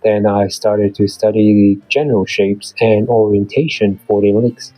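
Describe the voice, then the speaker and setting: A beginner artist who hosts his own channel reads an earnest, plainly delivered weekly progress recap from a script, his voice still off from a flu he's recovering from. His voice is on the low side and mellow, level in tone at a moderate pace. The rough recording has no echo and faint music behind it.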